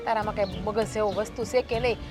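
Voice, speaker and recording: A woman playing a strict, sharp-tongued village sister-in-law who scolds bluntly. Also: mid-range voice, fairly even intonation, fast, faint music behind, lightly acted. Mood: scolding. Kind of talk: family drama acting.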